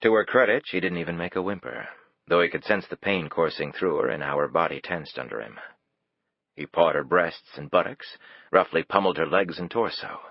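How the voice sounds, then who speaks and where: Low, husky male narrator, measured scripted reading, dry and muffled recording. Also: no room sound. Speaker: audiobook narrator. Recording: dull, dry, lo-fi.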